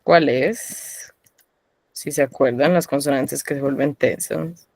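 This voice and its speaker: A woman leads a live online language lesson in a low, unhurried voice. She calls on students by name and corrects them patiently. Her voice sounds dry and close, with no room echo. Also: steady tone, creaky, darkish tone. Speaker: Korean teacher.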